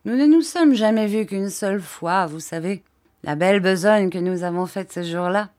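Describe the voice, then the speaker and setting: A woman's voice: medium pitch, normal speed, darkish tone, lightly acted. A woman reading an audiobook voices a brusque, commanding elderly aunt in clipped, imperious tones.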